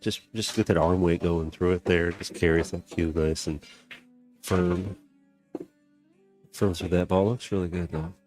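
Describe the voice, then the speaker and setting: A man with a very low voice calls a pool match in a relaxed, chatty way, stumbling and restarting as he goes. Faint music plays under the commentary. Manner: laid-back, halting, with many restarts. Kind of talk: casual live commentary.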